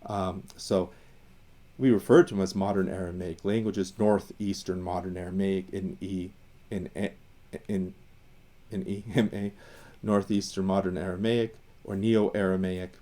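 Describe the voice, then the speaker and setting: A man from Iran, an educator on Assyrian language and identity, talks casually about the history of the language. His low voice is flat and dark, at a measured pace. He thinks aloud with fillers and restarts, lingering over the words he defines.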